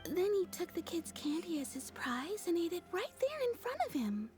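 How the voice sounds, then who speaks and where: A woman voicing a kindly townswoman in a video game, telling a story in a measured, gently amused way. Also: very high-pitched, big pitch swings. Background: soft game music.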